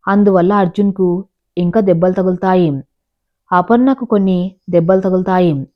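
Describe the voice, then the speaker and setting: Calm female storyteller, mid-pitched, measured delivery, slightly muffled lo-fi recording. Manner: calm, measured storytelling, reading quoted lines in the same voice. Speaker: narrator. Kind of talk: storytelling narration. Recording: dull lo-fi recording.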